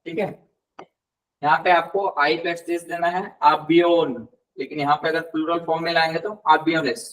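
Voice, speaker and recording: A man's voice: fairly high pitch, little pitch movement, fairly bright tone. Patient male tutor, a bit off-mic. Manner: patient, repeats words slowly and quizzes students. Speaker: Spanish tutor. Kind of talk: live class teaching with explanations. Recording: voice somewhat distant from the mic.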